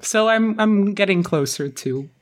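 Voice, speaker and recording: A tabletop player who speaks slowly and hesitantly, working out their character's moves aloud. Their pitch sits in the middle, and fillers and restarts come often as they explain the rules. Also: expressive. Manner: halting, thinks aloud with many fillers. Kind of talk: casual tabletop play.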